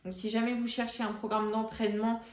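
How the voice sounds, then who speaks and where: A woman's voice: fairly high pitch, flat delivery, a little fast, reverberant. A young woman vlogging about her fitness routine, chatting casually with viewers and using lots of fillers. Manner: chatty, frequent fillers, addresses viewers directly. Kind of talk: casual explanatory vlog.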